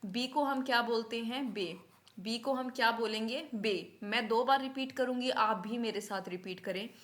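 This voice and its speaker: Patient woman teacher, slightly high voice. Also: normal speed, fairly bright tone. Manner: patient, asks a question then answers it herself, mixing English into Hindi. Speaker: German language teacher. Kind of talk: classroom-style lesson, repeating each item.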